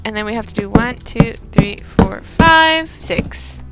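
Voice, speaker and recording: A woman hosting a gaming video, excitably thinking aloud in casual commentary as she builds. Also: on the high side, measured pace, over loud music.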